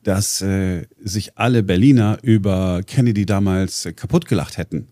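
A man with a low, mellow voice speaks at a moderate pace in clean, studio-quality sound with no echo. He's a radio presenter in casual talk-show chat, explaining things at length with many hesitations and restarts.

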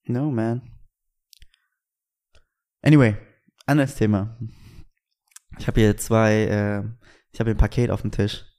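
A man's voice: lowish voice, a little slow, pauses often. A young man telling stories in casual, slangy chat as a podcast co-host. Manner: slangy, animated storytelling.

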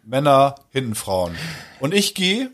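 Lively animated male podcast co-host. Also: mid-range voice, unhurried. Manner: animated storyteller, breaks into loud exclamations. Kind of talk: casual chat.

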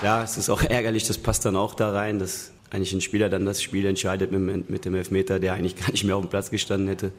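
A man's voice: low-pitched, flat delivery, quick pace, hardly any pauses. A man giving a matter-of-fact, slightly hesitant post-match football interview.

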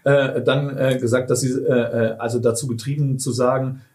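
A man's voice: mid-range voice, little pitch movement, normal speed, a little mellow. A man interviewing a candidate, asking long, rambling questions full of fillers. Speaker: newspaper editor interviewer.

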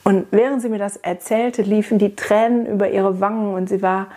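A woman's voice: mid-range voice, fairly even intonation, normal speed, mellow. A woman who works as a child and adolescent psychotherapist tells personal stories. She speaks earnestly and frankly and addresses the listener directly. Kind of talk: personal storytelling talk.

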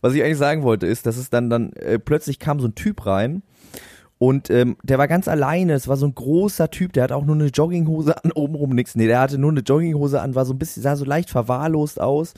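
A man co-hosting a podcast, telling a long anecdote in a rambling, animated way and laughing at his own story. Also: medium pitch, fairly quick, no echo, studio quality. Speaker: podcast co-host.

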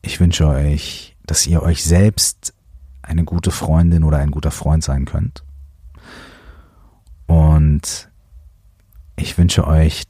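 A man hosting a coaching podcast, talking in a gentle, musing way with many fillers. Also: a bass voice, gravelly, slightly rough, no room sound, clean studio sound. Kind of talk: reflective podcast monologue.

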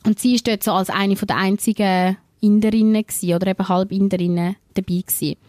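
A woman with a Swiss German accent, co-hosting a podcast and telling a story in casual chat, animated and full of filler words and English slang. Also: medium pitch, brisk, dry recording, studio quality. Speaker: podcast co-host.

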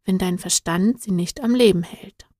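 A woman voicing a patient, wise male guide in a storybook, speaking calmly and softly, often close to a whisper. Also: lowish voice, normal speed, dry recording, lightly acted. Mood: gentle, soothing. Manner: calm, soothing, at times whispered.

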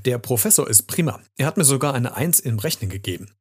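A man voicing an excitable young boy, the son of a robber knight, in a storybook reading, with eager exclamations and a husky voice. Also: medium pitch, quick pace.

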